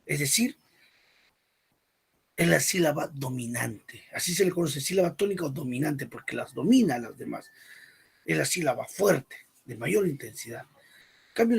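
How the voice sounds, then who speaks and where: A male teacher giving a grammar lesson, repeating key points and checking understanding with quick questions. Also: fairly high pitch, expressive, vocal fry, breathy edge. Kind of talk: spoken language lesson.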